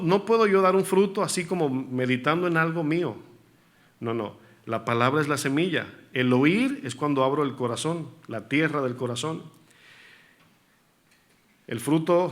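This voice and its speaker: A man's voice: a little high, a bit bright. A male pastor preaching a sermon in church, often asking the congregation questions and repeating key words for emphasis.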